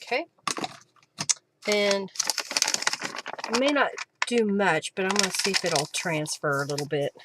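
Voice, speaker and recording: Heavy background noise surrounds a woman of medium pitch who speaks at a measured pace with lively intonation and frequent pauses. She is live streaming a craft session, casually talking to herself and viewers about each step.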